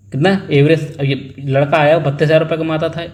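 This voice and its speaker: A man's voice: on the high side, darkish tone. Man talking through a maths lesson. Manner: works sums aloud, repeats figures, prompts students to answer; acts out family members in a little story. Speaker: maths teacher. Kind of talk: exam-prep maths lesson.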